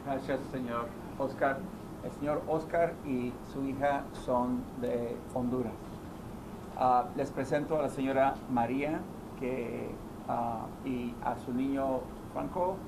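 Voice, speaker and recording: A man introducing speakers at a news conference, speaking in a measured way with some hesitant fillers. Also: mid-range voice. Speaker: press conference moderator. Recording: noisy press room audio.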